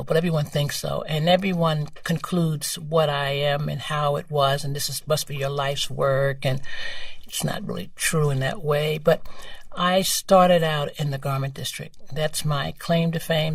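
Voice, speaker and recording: Older new york lady chatting in an interview, gravelly, dry room a little off mic. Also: low-pitched, moderate pace, no echo, distant mic. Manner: animated, laughing, acts out quoted voices. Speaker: guest. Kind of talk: casual interview storytelling.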